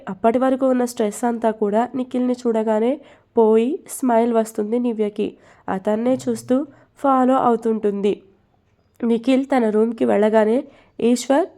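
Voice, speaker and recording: Young female storyteller, mellow and a bit high, narrates the story and voices all the dialogue.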